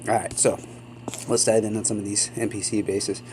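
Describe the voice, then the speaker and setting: At a normal speed, a gaming channel host with a very deep voice chats about his gameplay in a loose, meandering way, often saying um and apologizing slightly. His sniffles suggest a cold, and a persistent hum underlies the home recording.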